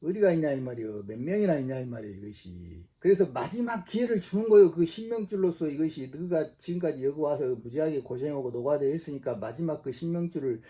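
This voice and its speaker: A middle-aged preacher delivers a religious sermon in a fairly high voice that still sounds very dark and mellow. He drives his points home with repetition and a stream of rhetorical questions, speaking expressively at a quick pace with hardly a pause.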